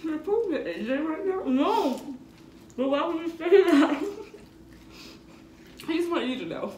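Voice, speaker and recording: A woman's voice: high voice, sing-song, slow, a little mellow. Young woman chatting thru an eating challenge, mouth full, voice jumps around a lot, roomy echo. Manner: joking, laughs a lot, talks with food in her mouth. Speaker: vlogger. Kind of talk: casual chat during an eating challenge. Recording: echoey room, distant mic, faint noise.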